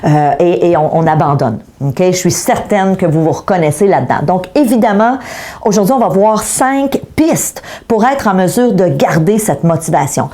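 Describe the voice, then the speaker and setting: A middle-aged woman with a Québécois French accent gives an online coaching lesson, speaking directly to viewers and posing rhetorical questions. This motivational speaker has a lowish, dark voice with lively intonation and a moderate pace.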